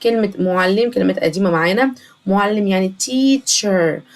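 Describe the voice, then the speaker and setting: A woman with an Egyptian Arabic accent, teaching a children's English lesson and slowly repeating each English word. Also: medium pitch. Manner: slow, drawn-out repetition of English words.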